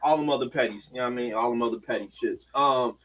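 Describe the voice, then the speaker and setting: A man's voice: medium pitch, quick pace, a bit bright, low-quality recording. A man co-hosting a casual podcast, playful, rattling off joking nicknames for his friends. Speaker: podcast co-host. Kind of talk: casual chat. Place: basement.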